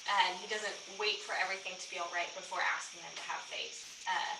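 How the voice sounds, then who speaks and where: A woman's voice: lowish voice, steady tone, creaky. Woman leading a church class discussion. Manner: measured, posing reflective questions. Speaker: Bible class leader. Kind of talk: guiding a church group discussion. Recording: roomy room, distant mic, background hum.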